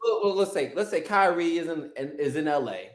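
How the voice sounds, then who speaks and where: Talking briskly in a fairly high voice, this guest on a laid-back sports podcast jokes around through profane, animated rants. The room's echo comes through clearly on the recording.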